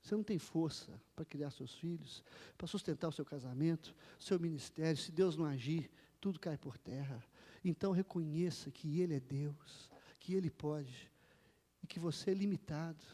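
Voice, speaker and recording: A Brazilian man preaching a sermon as pastor, moving between low, earnest pleading and loud, impassioned exhortation. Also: moderate pace. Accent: Brazilian Portuguese. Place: church. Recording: long church-hall reverb.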